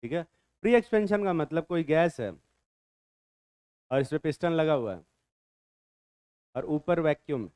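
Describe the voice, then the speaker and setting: A man's voice: a little high, lively intonation, measured pace, long pauses, darkish tone, smooth, no room sound. A male chemistry teacher, lecturing a class in a bantering way, quizzing students and answering his own questions.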